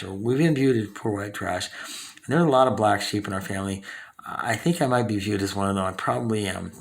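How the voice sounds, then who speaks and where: A man's voice: lowish voice, gravelly. A man in his fifties from Southern California, hosting his own channel in a rambling monologue full of fillers and restarts. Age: 50s. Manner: rambling, with many fillers and self-corrections. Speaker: channel host. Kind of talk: casual talking-head monologue.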